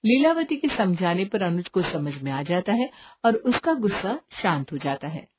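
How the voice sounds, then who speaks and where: Lively woman narrating a story. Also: lowish voice, normal speed. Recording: tinny phone-like audio, faint hiss.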